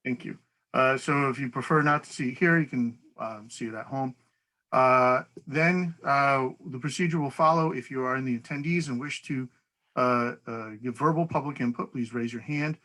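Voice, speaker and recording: A man's voice: medium pitch, normal speed, pushed and bright, low-quality recording. A man chairing a town council public hearing over a video call, talking in an easygoing, procedural way with the odd light laugh.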